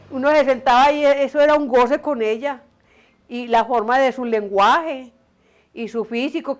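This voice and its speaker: Storyteller: older woman, Antioquian accent, rambling and amused, smooth tone. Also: fairly high pitch. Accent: Antioquian Colombian Spanish. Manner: meandering, frequent restarts, amused. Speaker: storyteller recalling her mother. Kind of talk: casual oral storytelling.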